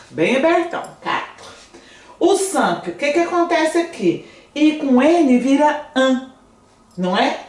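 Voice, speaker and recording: Lively Brazilian woman teaching French, roomy. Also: on the high side, distant mic. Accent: Brazilian Portuguese. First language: Portuguese. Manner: lively, coaxing, exaggerated mouth shapes in demonstrations. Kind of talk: casual online language lesson.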